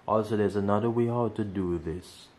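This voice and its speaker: A man's voice: on the low side, moderate pace, a little mellow, slight background noise. A man hosting a casual how-to video, explaining each step and repeating instructions as he goes. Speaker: tech tutorial host.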